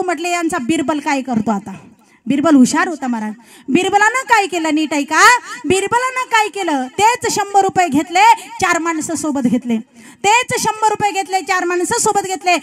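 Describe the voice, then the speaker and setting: Very high-voiced woman preaching a sermon. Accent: Marathi. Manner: animated storytelling, addressing the audience directly, repeating phrases for emphasis. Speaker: kirtan preacher. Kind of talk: devotional sermon with storytelling.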